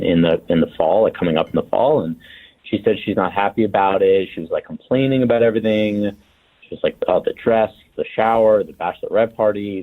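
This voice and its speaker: Low-voiced man over a tinny speakerphone. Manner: hesitant, halting with filler words. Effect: on speakerphone over a phone line. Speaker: radio prank call subject. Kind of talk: casual phone chat. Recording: tinny phone line.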